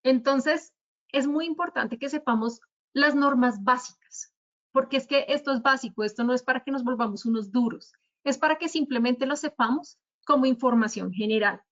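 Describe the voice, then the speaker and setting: At a virtual conference on writing, a high-voiced woman with a Colombian Spanish accent teaches spelling rules, patiently going through each example at a moderate pace. The sound is somewhat dull, like a web meeting.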